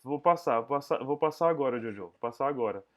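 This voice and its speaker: A man's voice: medium pitch, expressive, fairly bright tone. Man teaching English over a video call. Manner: mixes English and Portuguese, drills pronunciation slowly. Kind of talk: online English class.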